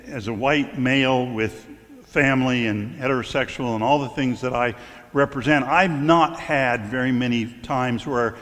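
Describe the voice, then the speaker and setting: A middle-aged man delivers a sermon in a loose, storytelling way. He stumbles and restarts now and then, his voice at an ordinary pitch. The sound carries a long reverb, as in a large church hall. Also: a bit bright. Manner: conversational storytelling with stumbles and fillers. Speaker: clergyman.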